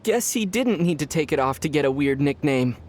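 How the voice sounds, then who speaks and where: An actor playing a calm young male traveler hero in a video game who answers in a dry, deadpan way. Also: a little high, brisk. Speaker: player character. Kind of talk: video game character banter.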